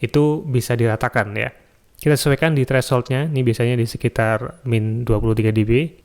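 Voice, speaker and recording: A man hosting a screen-recorded software tutorial, explaining each step calmly and adding "ya" and "eh" often, recorded on a studio microphone. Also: medium pitch, a little fast. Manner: relaxed step-by-step explaining with frequent "ya" and "eh". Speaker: YouTube tutorial host. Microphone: studio mic through an audio interface.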